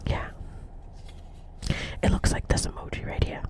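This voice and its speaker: A dreamy, talkative doctor's office receptionist with a New Jersey accent is acted out in an unhurried whisper. The character rambles earnestly, repeats herself, and regularly checks in with whoever is listening.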